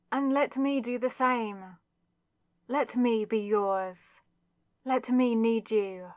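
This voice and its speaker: A woman performs the role of a demonic villainess consumed by possessive love in a dramatic ASMR piece. She lets intense pauses hang deliberately, her voice mid-range and lightly acted, captured in a dry recording.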